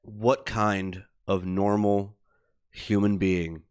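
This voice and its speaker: A man's voice: fairly low pitch, flat delivery, drawn-out words, smooth. A man hosting a livestream, venting in a heated, profane rant with repeated emphasis. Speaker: livestream host. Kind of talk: angry political rant.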